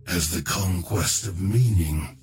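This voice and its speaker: A man voicing a hulking undead giant who calls himself death, speaking in slow, grave, menacing pronouncements. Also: sits low, darkish tone, faint music behind, voice pushed down.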